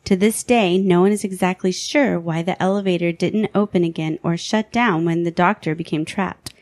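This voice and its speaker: A woman co-hosting a podcast, reading out a countdown of creepy legends in a steady, measured tone. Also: fairly low pitch, no room sound. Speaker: podcast co-host. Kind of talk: reading a countdown list aloud.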